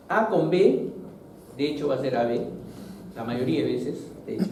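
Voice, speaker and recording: A man teaching a biology lesson to a class, explaining step by step and often checking whether students follow. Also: fairly high pitch. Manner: explanatory, keeps checking in with "¿no es cierto?". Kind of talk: classroom lecture. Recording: very echoey noisy classroom, far mic.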